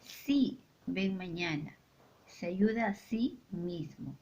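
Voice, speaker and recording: Slow, careful woman teaching a lesson. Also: on the low side, animated, darkish tone. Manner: slow, clear, deliberate delivery with stressed example sentences. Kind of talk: spoken grammar lesson.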